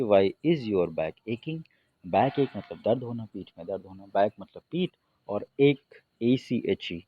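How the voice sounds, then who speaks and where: A man teaching an English grammar lesson in Hindi, reading the English example sentences slowly and deliberately. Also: medium pitch, breathy edge, no room sound, lo-fi sound.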